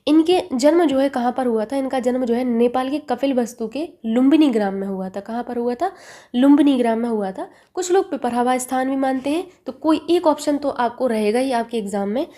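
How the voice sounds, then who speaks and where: A woman teaching an exam-prep lesson who keeps asking quick quiz questions and then repeating the answers. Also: sits high, warm tone.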